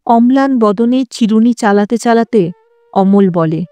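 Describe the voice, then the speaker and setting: A woman narrates a literary audiobook in a measured, steady storytelling manner. Her voice sits fairly high yet sounds mellow, and she is recorded close up in a dry room. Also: clean tone, no echo.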